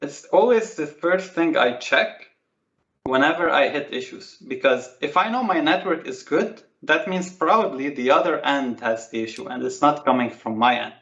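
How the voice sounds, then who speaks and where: A man explains network and video metrics over a video call with steady enthusiasm. He repeats himself and keeps calling the numbers amazing. His voice sounds echoey and slightly muffled through the call. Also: on the high side, normal speed. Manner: enthusiastic, repeats words, says "amazing" often. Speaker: Microsoft Teams expert guest. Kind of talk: casual technical walkthrough on a video call. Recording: roomy, dull lo-fi call audio.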